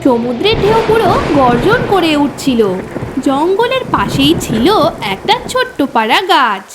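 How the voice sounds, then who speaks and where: A woman's voice: high voice, very animated, normal speed, heavy background noise. A woman narrating a cartoon fairy tale with dramatic storytelling.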